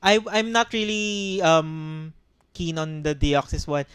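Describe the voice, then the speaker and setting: A man's voice: a little high, slow pace, a bit bright, clean tone. A man co-hosting a casual gaming podcast, thinking aloud with frequent restarts and ums. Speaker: podcast co-host. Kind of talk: casual chat.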